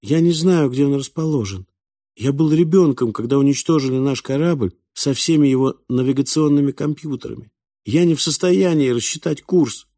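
A man's voice: fairly high pitch, normal speed, warm tone, no echo, studio quality, voice pushed up, natural voice. A man voicing an earnest young boy from another planet who explains things in a plaintive, eager way. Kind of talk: audiobook character voice.

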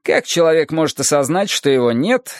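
A man voicing a calm, gently sorrowful philosophical teacher in an audiobook, with slow, measured, lecturing speech. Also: on the high side, no echo, clean studio sound, voice pushed up. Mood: musing. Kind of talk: audiobook character reading.

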